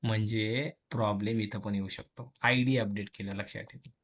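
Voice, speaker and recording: A man's voice: on the low side, steady tone, fairly bright tone. Chatty male programming teacher. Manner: chatty, colloquial, mixes in English phrases; acts out tables and students in quick asides. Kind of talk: casual classroom lesson.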